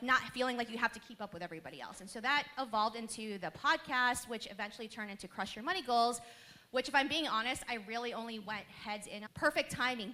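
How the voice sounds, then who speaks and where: A woman, speaking on a panel with lively storytelling and laughter. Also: fairly high pitch. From Queens, New York. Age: 30s. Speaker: panelist, business owner. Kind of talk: panel talk to a live audience.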